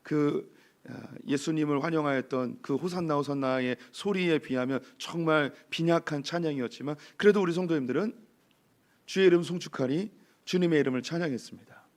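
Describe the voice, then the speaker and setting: A hoarse man preaching a sermon from the pulpit, his voice sitting a little higher than most men's. He speaks with lively energy and keeps putting rhetorical questions to the congregation. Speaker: pastor. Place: church sanctuary.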